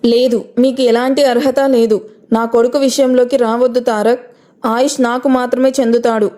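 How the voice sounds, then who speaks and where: A woman's voice: fairly high pitch, little pitch movement, normal speed, dark tone, lightly acted. A woman voicing a hurt young mother who answers firmly and with reproach, in a storybook reading. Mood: defiant. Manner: firm, reproachful.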